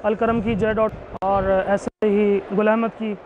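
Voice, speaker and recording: High-pitched Pakistani male shop salesman. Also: flat delivery, a little slow, narrow, tinny audio, background noise. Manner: deferential, repeatedly agreeing, salesman-like emphasis. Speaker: clothing shop seller. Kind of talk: sales presentation of fabrics and prices.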